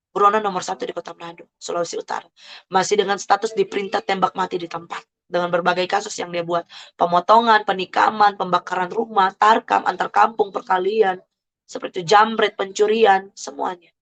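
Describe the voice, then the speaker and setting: A woman telling her conversion story as an emotional church testimony, fervent and exclaiming with frequent praise words. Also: medium pitch.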